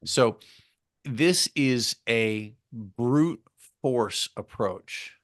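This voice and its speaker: A man's voice: medium pitch, drawn-out words, no room sound, clean studio sound. A man co-hosting a podcast in a casual academic discussion, talking emphatically with wry, sarcastic asides and repeated key phrases. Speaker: podcast co-host.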